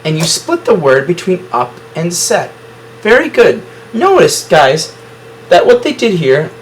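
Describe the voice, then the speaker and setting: A man's voice: on the high side, a little hiss or hum, low-quality recording. A man teaching a phonics lesson to a class, explaining syllables at the whiteboard and praising students often.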